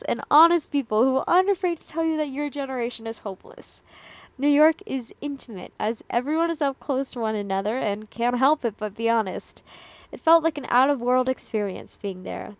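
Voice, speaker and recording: A young woman from the Midwest reads her own story aloud in a reflective storytelling way. Her voice sits a bit higher than most women's, and the sound is close and dry. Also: a little mellow, no room sound. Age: young adult. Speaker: host. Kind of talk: reading a personal story.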